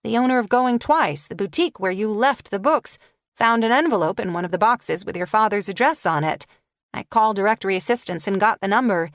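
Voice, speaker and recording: A woman's voice: medium pitch, animated, fairly quick, dry recording, clean studio sound, lightly acted. A woman narrator voicing an eager, flustered young woman book dealer in an audiobook. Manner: eager, breathless.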